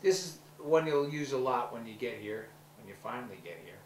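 A man's voice: medium pitch, lively intonation, a little fast, recorded from a distance, a little hiss or hum. A man recording a playful, affectionate video message that he speaks directly to a child, among cannabis plants. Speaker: vlog host. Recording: roomy, from the mic, faint ambience.

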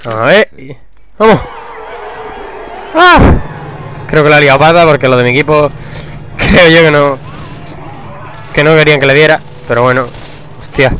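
A young man giving casual, excitable gameplay commentary, swearing and breaking into shouts. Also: on the high side, moderate pace, long pauses, a little hiss or hum. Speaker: gamer. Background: game music.

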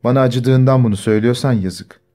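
A man reading the part of a young village woman who quietly tells of being wronged, in a soft, timid way. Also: mid-range voice, fairly even intonation, fast, soft background music, close to an everyday voice. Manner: quiet, timid, restrained storytelling.

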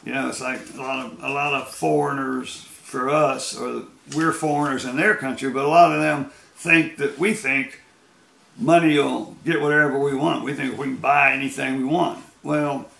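A man's voice: medium pitch, steady tone, moderate pace, vocal fry, a bit bright, reverberant. An American man telling rambling road stories in a casual, folksy way, often laughing as he goes. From United States. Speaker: storyteller. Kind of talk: casual storytelling.

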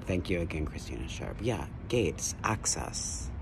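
Guy in his 30s ranting into his phone outside, deep voice, slow, street noise behind. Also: vocal fry. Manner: excitable, jumpy, lecturing. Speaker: vlogger. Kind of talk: rambling selfie monologue. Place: outdoors by a building wall. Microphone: phone at arm's length.

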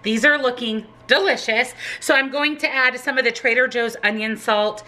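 A woman's voice: fairly high pitch, fairly even intonation, moderate pace, bright, forceful tone, soft background music. A woman narrating her weekly meal prep in an upbeat, chatty voice-over, explaining each step as she cooks. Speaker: meal prep vlogger and nutrition coach. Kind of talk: casual cooking voice-over.

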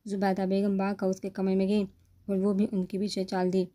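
A woman narrates a romance novel aloud. Her voice is mellow and dark in tone. She keeps a steady, even storytelling pace. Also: mid-range voice. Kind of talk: novel reading.

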